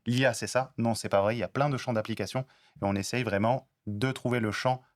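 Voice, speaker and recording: A man's voice: fairly low pitch, steady tone, fast, no echo, clean studio sound. A man on a panel at a business talk, explaining his points steadily through everyday examples.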